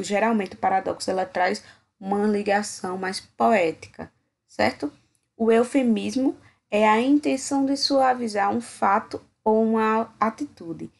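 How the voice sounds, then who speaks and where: A young adult woman, teaching a grammar lesson slowly and patiently, often checking in with her students. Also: medium pitch, gravelly, darkish tone. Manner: slow, patient, checks in with "certo?".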